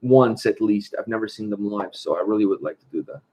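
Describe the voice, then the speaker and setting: A Portuguese-born male host chats casually in a livestream, talkative and reading viewer questions aloud before answering them. His voice is lowish, brisk and slightly rough, and the stream audio is muffled.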